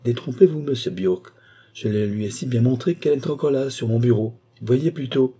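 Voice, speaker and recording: A man's voice: mid-range voice, normal speed, dark tone, slightly rough, pitched above the performer's own voice, lightly acted. A man voicing an anxious aristocratic count, a fretful father who speaks eagerly and insistently in a read-aloud novel.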